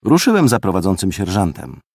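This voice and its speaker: Lively, low-voiced male audiobook narrator. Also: a little fast, no room sound, clean studio sound. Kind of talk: first-person audiobook narration.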